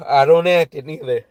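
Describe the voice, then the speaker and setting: A man's voice: on the high side, a little mellow, smooth, no room sound. Tired, casual man in his forties. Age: 40s. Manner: loose and profane, often tags "right?". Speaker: financial advisor. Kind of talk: casual talk reading through financial tips.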